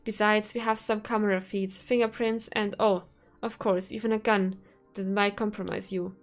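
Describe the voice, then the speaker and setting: A woman voicing a manipulative male professor while reading a visual novel aloud, coaxing and calmly threatening. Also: medium pitch, normal speed, soft background music, lightly acted. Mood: menacing. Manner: smooth, coaxing, coldly threatening.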